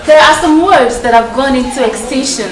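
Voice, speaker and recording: A woman's voice: high voice, moderate pace. A woman with a Nigerian accent presenting a scripted television segment as its anchor. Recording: echoey, distant mic, faint noise.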